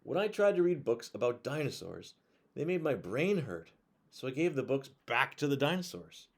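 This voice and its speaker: A man reading a storybook aloud to children in an expressive way, pausing to put questions to his young listeners. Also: medium pitch. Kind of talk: read-aloud storytelling to children, with conversational asides.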